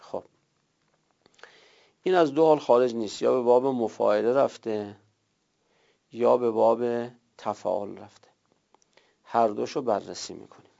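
A man teaching a class, explaining grammar step by step, drawing out word forms slowly and telling students what to write down. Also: medium pitch, creaky, mellow, dull audio. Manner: tells students to write things down. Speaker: teacher of Arabic grammar and Quran. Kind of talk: classroom lecture.

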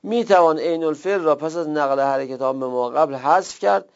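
A man's voice: on the high side, smooth. A man teaching a grammar lesson, explaining and repeating word forms as he goes. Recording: muffled lo-fi recording.

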